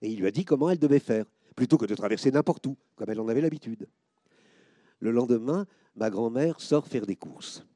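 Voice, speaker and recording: A man reading first-person stories aloud, expressive, lifting his voice sharply when he quotes the people in them. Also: medium pitch, brisk, dry recording, studio quality. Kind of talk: scripted narration.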